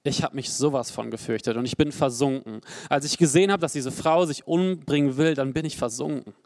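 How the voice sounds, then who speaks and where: A young adult man preaching a sermon in an earnest, personal way, rising to emphatic peaks and dropping to quiet, low passages. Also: brisk, no echo, studio quality.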